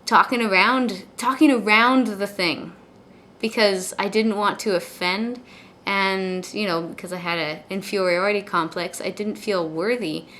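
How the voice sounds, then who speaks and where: A woman chatting casually and confessionally in a video blog, rambling and repeating words, with soft R sounds that lean toward W. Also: medium pitch, steady tone, measured pace. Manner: rambling, repeats words and phrases before finishing. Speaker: video blogger. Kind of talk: casual confessional chat to camera. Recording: clear background noise.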